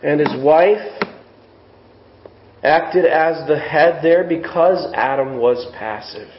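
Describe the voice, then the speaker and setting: A man's voice: a little high, slow. Preaching man in an echoey church. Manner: earnest preaching with scripture reading and rhetorical questions. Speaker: pastor. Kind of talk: sermon. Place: church sanctuary. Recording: echoey, dull church recording with faint hiss.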